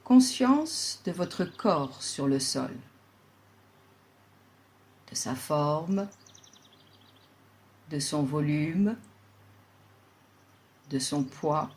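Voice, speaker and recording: In a low-pitched voice, a woman serving as a yoga instructor leads a guided relaxation. Her speech is calm, soothing and deliberate, broken by long pauses.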